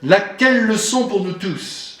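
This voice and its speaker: A fairly high-voiced priest delivers a sermon, theatrical and animated, one moment booming and the next dropping to a hush. He questions his audience directly, and his voice rings around an echoey hall. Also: a little slow. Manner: animated and theatrical, swings between booming emphasis and hushed asides; addresses audience directly, asks them questions.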